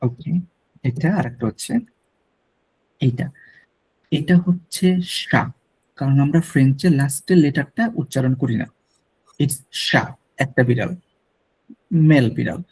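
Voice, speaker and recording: A man teaching an online French lesson, explaining slowly, repeating words and mixing in English. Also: medium pitch, darkish tone, breathy edge.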